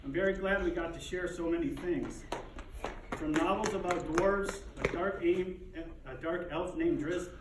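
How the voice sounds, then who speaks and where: A man with a slightly high voice reads a prepared eulogy for his father. His grief is dignified and held in, lightened by wry, fond humor. He sounds distant from the microphone, in a very echoey room. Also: steady tone, normal speed, heavy background noise. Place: echoey room, speaking to a gathering.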